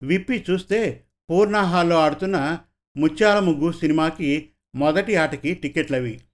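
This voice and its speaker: A man reading as a gentle aging father. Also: a little high, normal speed, natural voice. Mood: tender. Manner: warm, storytelling to his daughter.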